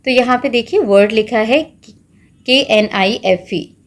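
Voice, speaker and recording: A woman's voice: on the high side, a little slow. A patient Indian-accented woman leads young children through an exam practice paper. She spells out words letter by letter and moves easily between Hindi and English. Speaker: teacher.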